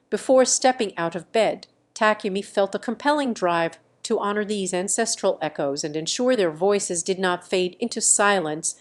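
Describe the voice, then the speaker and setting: Calm woman narrating a bedtime story. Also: mid-range voice. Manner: calm, slow and soothing.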